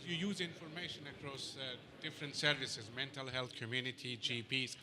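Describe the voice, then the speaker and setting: A man's voice: mid-range voice, brisk, a crowd in the background. A man in a conference audience asking the speaker a question, laying out points in a list.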